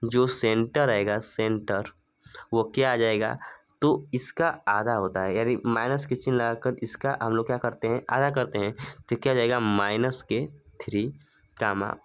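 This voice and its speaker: A man's voice: medium pitch, clear, resonant tone. Guy teaching maths step by step, keeps asking then answering himself. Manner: asks rhetorical questions and answers them; slow, stepwise working-through. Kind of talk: spoken maths lesson.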